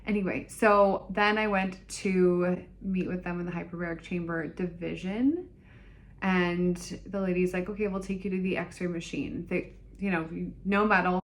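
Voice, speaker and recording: A woman's voice: on the low side, fairly even intonation, moderate pace. A young woman vlogging, telling a story in a blunt, jokey way and acting out the dialogue. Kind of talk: casual storytelling vlog.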